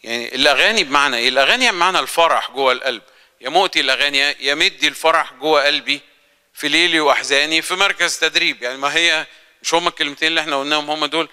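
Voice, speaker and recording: Bright, crisp-voiced Egyptian man preaching. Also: fairly high pitch, racing. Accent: Egyptian Arabic. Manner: earnest, conversational preaching with rhetorical questions. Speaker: lay preacher. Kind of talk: sermon. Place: church hall. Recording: church hall reverb.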